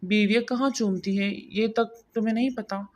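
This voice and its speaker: A woman's voice: a little high, fairly even intonation, a little mellow, close to an everyday voice. A woman reading as a brooding, domineering husband. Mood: intense.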